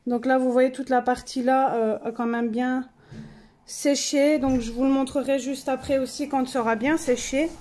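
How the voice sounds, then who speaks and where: Woman vlogger, high voice, casual rambling home chat. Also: fairly even intonation, moderate pace, warm tone, a little hiss or hum. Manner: chatty, filler-heavy, self-correcting. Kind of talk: casual chat while swatching paints.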